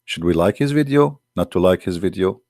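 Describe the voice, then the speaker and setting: A man's voice: deep voice, lively intonation, brisk, darkish tone, dry recording, studio quality. A man hosting a livestream, talking in a sarcastic, mocking way. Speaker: online show host. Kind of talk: livestream commentary.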